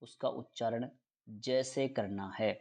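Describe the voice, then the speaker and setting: A man teaching an English pronunciation lesson in Hindi, spelling words out slowly letter by letter, then explaining the rules at a brisk pace. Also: mid-range voice, fairly even intonation, darkish tone.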